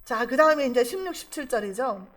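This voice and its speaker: A woman's voice: high voice, lively intonation, fast talker, a bit bright. A middle-aged woman pastor preaching a sermon, emphatic and full of rhetorical questions.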